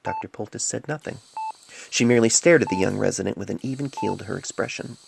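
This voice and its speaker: An amateur narrator reads a story dramatically into a cell phone, with music playing behind the recording. The voice sits low, moves fast and sounds creaky, with background noise present.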